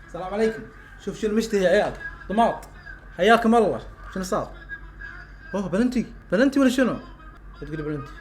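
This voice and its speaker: A young man giving a live football reaction, muttering between plays and bursting into loud shouts at chances. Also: high-pitched, lively intonation, quick pace, pauses often. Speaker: YouTube streamer reacting to a football match.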